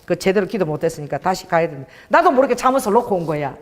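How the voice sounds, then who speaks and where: A woman pastor preaching a sermon, telling a story with lively quoted voices. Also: on the low side, racing, in a large hall.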